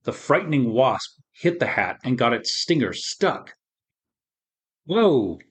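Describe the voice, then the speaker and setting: Male storyteller, calm, even read, mid pitch. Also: moderate pace, breathy edge. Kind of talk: children's story narration.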